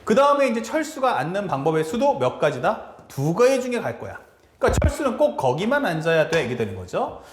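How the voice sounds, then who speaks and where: A man teaching math in a lively lecture and acting out characters' lines as he explains. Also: sits high, a little fast. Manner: animated, acts out characters' lines in quotes. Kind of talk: lively lecture with acted-out family dialogue. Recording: echoey room with clear background noise.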